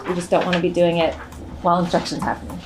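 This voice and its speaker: A woman's voice: lowish voice, fairly even intonation, rapid-fire, noisy background. A woman leading a school tour, briefing a visiting group in a projected, friendly teacher voice with frequent fillers. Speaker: education project leader guiding a tour.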